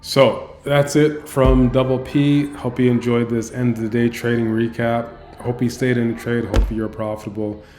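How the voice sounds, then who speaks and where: A man's voice: mid-range voice, level tone, moderate pace, few pauses, roomy sound, noisy background. A man coaching options traders in an end-of-day recap over a screen share, emphatic, repeating phrases and tagging his lines with "right?".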